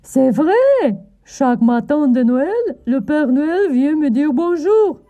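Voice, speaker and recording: A woman's voice: sits high, takes it slowly, mellow, faint music behind. A woman voicing a friendly local baker in a children's storybook recording. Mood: welcoming.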